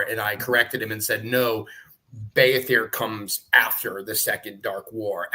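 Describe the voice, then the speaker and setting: A man's voice: fairly low pitch, bright, forceful tone, rough recording. A middle-aged man explaining the lore he wrote, in casual, rambling live panel chat full of fillers. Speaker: creator of the dragon lore, show guest.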